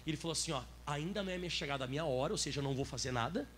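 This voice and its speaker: A man with a Brazilian Portuguese accent preaching a sermon as pastor, lively and asking the audience questions. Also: on the high side, rapid-fire, a little hiss or hum.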